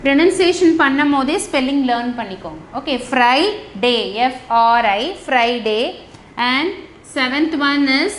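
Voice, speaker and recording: A woman's voice: sits high, lively intonation, a little slow, a bit bright. A woman with a Tamil accent teaching a lesson to young children. She switches between Tamil and English and spells out words letter by letter. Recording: echoey room with faint noise.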